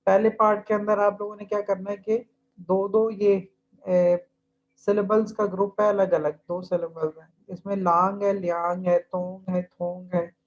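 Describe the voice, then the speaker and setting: A man's voice: high-pitched, level tone, measured pace. A male language teacher giving an online class, patiently repeating drill phrases and explaining each step. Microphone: computer mic in an online class. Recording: dull, lo-fi online class audio.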